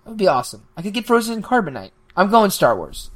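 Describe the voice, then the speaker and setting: A man co-hosting a casual podcast, rambling through jokey hypotheticals in an animated way. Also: high-pitched, fast talker. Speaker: podcast co-host. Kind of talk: casual banter.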